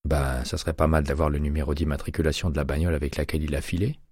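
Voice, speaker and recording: A man's voice: extremely low pitch, level tone, racing, darkish tone, husky, dry recording, studio quality. A man voicing a hostile male police detective who speaks with sarcasm and provocation. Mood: sarcastic.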